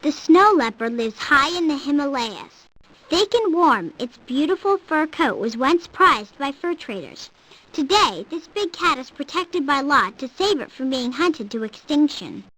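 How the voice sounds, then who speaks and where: A woman's voice: high-pitched, very animated, measured pace, sharp tone, poor audio. A woman reading scripted nature documentary narration for an educational program.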